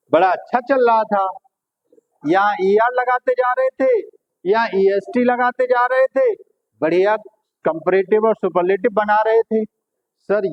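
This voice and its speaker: Man, English grammar teacher, high voice, unhurried delivery, patient classroom explanations. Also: lo-fi sound. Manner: explains patiently, quizzing students with "clear?" and "right?"; addresses pupils as "beta".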